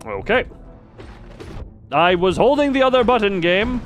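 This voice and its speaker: A live streamer gives casual gameplay commentary, rambling playfully and bursting into exclamations and silly sound effects. His voice sits high with big pitch swings, a bit bright and unhurried, over faint background music.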